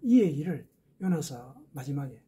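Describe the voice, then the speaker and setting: A man's voice: a little high, sing-song, normal speed, warm tone, husky. A man preaching a sermon as a pastor, explaining step by step with rhetorical questions.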